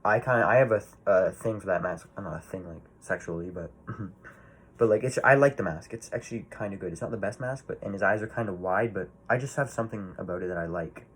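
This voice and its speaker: Low-voiced man rambling about movies. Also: a little fast, slightly rough. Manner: rambling, swears freely, many fillers and restarts. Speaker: movie reviewer. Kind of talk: casual movie review.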